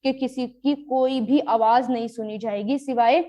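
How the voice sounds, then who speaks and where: A woman teaching a Quran grammar and tafseer lesson, glossing each word slowly and mixing in English terms. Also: fairly high pitch, fairly even intonation, mellow. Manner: slow, drawn-out word-by-word glossing with rhetorical questions; mixes English terms into explanations.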